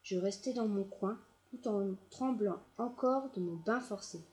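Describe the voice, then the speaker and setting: A woman reading a children's audiobook aloud in a gentle, measured storytelling manner. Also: medium pitch, a little hiss or hum. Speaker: storybook narrator.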